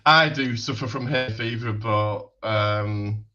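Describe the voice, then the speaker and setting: A podcast host with a lowish voice opens with a hyped, announcer-style build-up for his guest, then slips into casual interview chat. His tone is steady and his pace slow, yet his delivery is pushed and bright, and the audio is dull and lo-fi.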